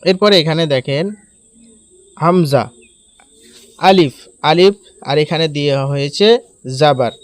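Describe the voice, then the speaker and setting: Bengali guy teaching quran letters, stretches every syllable slow, voice kinda high and super clean. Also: smooth, no echo. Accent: Bangladeshi Bengali. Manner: slow drawn-out syllables when reciting, quick explanations between. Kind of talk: spelling-out recitation lesson.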